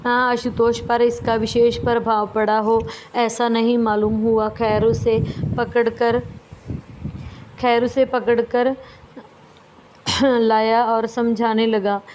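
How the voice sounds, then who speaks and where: A woman teacher reading a story aloud slowly and carefully, with small restarts, then explaining it to her students. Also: fairly high pitch, flat delivery. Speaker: school teacher. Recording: faint background noise.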